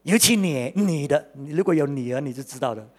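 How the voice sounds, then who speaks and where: A man preaching a sermon as a pastor, animated and exclaiming, swinging between loud bursts and quiet asides, often pausing on "OK" and fillers. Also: a little high. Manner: peppers talk with "OK" and drawn-out fillers.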